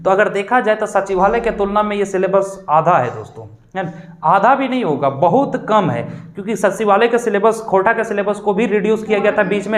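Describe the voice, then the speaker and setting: A man teaching an online exam-prep class, explaining patiently and repeating his points as he addresses the viewers as friends. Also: high-pitched. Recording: roomy echo.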